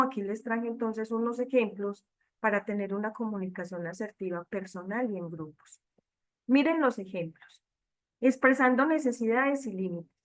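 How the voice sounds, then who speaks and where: A woman leading an online training talk for catechists, speaking directly to them. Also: mid-range voice. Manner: direct, addresses listeners as catechists. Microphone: computer mic on video call.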